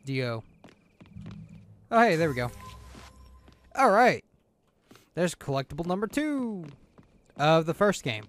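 A man's voice: a little high, big pitch swings, takes it slowly, pauses often. A man doing casual, jokey playthrough commentary, reacting to a video game as he plays. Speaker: gaming video host.

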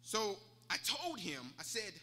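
A man's voice: high voice, very animated, takes it slowly, pushed and bright, in a large hall. A man preaching a sermon as pastor, retelling a story in an emphatic way with stammering restarts. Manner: retells a story, acting out both sides of the talk. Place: church sanctuary.

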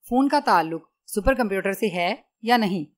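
A woman's voice: medium pitch, animated, normal speed, lightly acted. A woman reading the lines of a cold, ruthless male secret agent in an audiobook, giving clipped, icy commands.

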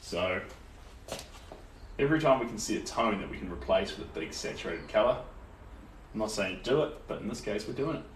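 A man's voice: on the low side, lively intonation, fairly quick, long pauses. A young man with a New Zealand accent chatting casually and encouragingly while he paints on a livestream. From Tauranga, North Island, New Zealand. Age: young adult. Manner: easygoing, encouraging, reads out viewers' comments. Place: small indoor art studio. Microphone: camera or phone a few steps away. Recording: roomy, distant mic, faint noise.

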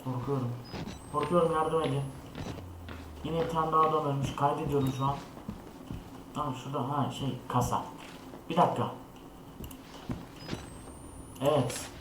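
A man's voice: fairly high pitch, fairly even intonation, fairly quick, long pauses. A young man hosting a horror game let's play, talking to his viewers in a jittery, scared way. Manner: jittery, talks to viewers, frequent scared remarks. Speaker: gaming channel host. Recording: echoey room with noise.

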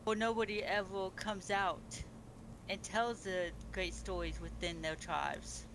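In a multiplayer game role-play, a man with a high voice plays a pregnant beast-woman empress formally welcoming guests to her feast. His steady, unhurried delivery is stately and grand, though he restarts lines. The game-chat audio is noisy.

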